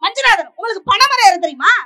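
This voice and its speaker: Fast high-pitched woman debating on stage. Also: animated, sharp tone. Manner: rapid teasing questions, bursts into song. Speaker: pattimandram debate speaker. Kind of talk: comic stage debate speech.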